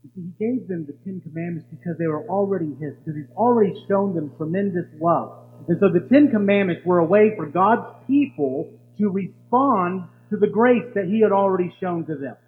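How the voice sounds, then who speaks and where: A pastor with a high voice preaches a sermon and poses rhetorical questions as he teaches. The sound is thin and phone-like, carrying a long hall reverb and a faint hum underneath. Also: expressive, a little fast.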